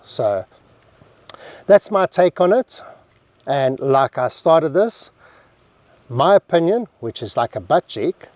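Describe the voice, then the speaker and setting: A man's voice: mid-range voice, a little mellow, no echo. A South African man in his fifties with a South African English accent, giving a blunt, rambling opinion piece to camera. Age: 50s. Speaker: vlogger.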